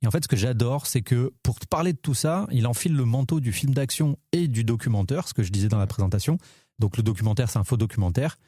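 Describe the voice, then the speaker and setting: A man's voice: medium pitch, expressive, fast talker, mellow, no room sound, clean studio sound. A man co-hosting a casual film podcast, talking enthusiastically with lots of fillers and restarts. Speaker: podcast co-host.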